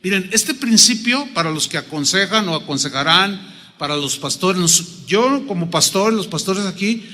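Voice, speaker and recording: A man preaching a sermon as pastor, animated and playful as he acts out the people in the story. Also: high-pitched, normal speed, long reverb tail. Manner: animated, acts out biblical figures with humor.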